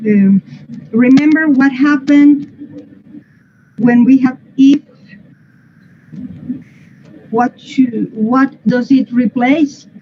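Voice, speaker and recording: A woman's voice: on the high side, dull audio, noisy background. A woman, explaining English pronunciation to a class in a patient, playful way and asking them questions. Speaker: English teacher.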